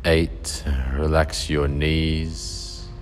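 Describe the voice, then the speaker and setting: A man leading a guided relaxation meditation, giving calm, soothing instructions with long pauses. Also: very deep voice, slight background noise.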